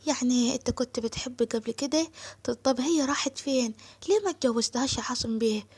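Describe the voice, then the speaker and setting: A woman's voice: on the high side, quick pace, darkish tone, breathy edge. A woman voicing a shy young woman with an Egyptian accent, speaking hesitantly and sweetly.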